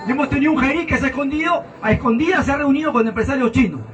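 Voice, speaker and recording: A man's voice: extremely high pitch, racing, fairly bright tone, a little hiss or hum. A Peruvian man giving a fiery, mocking campaign debate speech as a senate candidate. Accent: Peruvian Spanish. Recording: distant outdoor recording.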